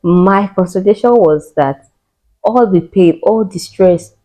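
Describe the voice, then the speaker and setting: Warm-voiced woman telling a dramatic story. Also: on the low side, takes it slowly, poor audio. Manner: expressive, dramatic retelling with cries and sighs. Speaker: podcast host. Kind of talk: personal storytelling.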